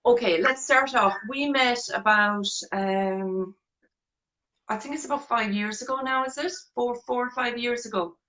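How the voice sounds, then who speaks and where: Slow, chatty middle-aged woman host. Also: on the high side, pushed and bright, reverberant. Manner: chatty, many fillers and restarts. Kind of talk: casual live-stream interview. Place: small room indoors.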